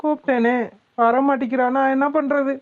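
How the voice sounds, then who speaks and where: A woman's voice: high voice, fairly even intonation, normal speed, phone-quality sound, lightly acted. A woman voicing a moping lovesick young man. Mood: despairing. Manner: moping, whiny.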